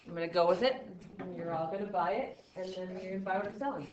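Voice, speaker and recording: A woman in her forties teaching a math lesson to a class, lively and playful, teasing her students. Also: fairly low pitch, quick pace. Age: 40s. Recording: echoey room, dull lo-fi sound, faint noise.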